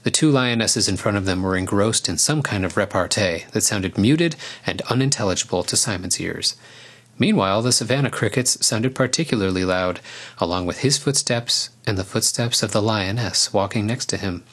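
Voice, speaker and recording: A man narrating a storybook in a calm, even reading voice. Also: on the low side, moderate pace.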